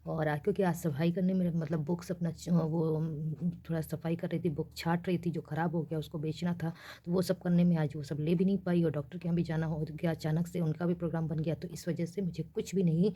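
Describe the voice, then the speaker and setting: A young woman from India chatting casually in a late-night vlog, speaking softly so she won't wake her neighbours. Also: deep voice, fairly even intonation, brisk, hardly any pauses. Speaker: vlogger. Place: small rented room in a girls' hostel, at night.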